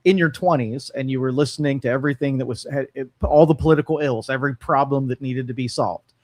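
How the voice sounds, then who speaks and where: In a dry studio recording, a fast-talking man with a medium-pitched voice co-hosts a radio talk show. He offers casual opinions while musing aloud, often using fillers and restarting sentences.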